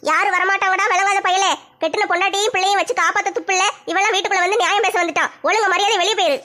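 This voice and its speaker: A woman's voice: extremely high pitch, steady tone, racing, sharp tone. A woman voicing a fierce, hot-tempered middle-aged mother who scolds and threatens. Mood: fiery.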